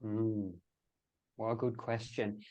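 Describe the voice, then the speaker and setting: A middle-aged Englishman from England appears as an interview guest from the sport and health sector in a casual chat. His lowish, darkish voice is slow and monotone, and his phrasing is hesitant, with repeated words.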